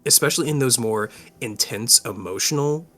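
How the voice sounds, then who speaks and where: A man's voice: medium pitch, moderate pace, a crowd in the background. A man co-hosting a podcast, chatting casually and joking with friends, with many fillers. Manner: animated, joking, hesitant fillers. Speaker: podcast co-host. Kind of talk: casual chat.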